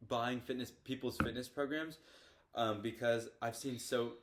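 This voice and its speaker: A man's voice: mid-range voice, fairly even intonation, a little slow. A teenage boy co-hosting a podcast in casual chat, talking loosely with many fillers and restarts. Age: teens. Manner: hesitant, lots of fillers and restarts. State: hiccups. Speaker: podcast co-host.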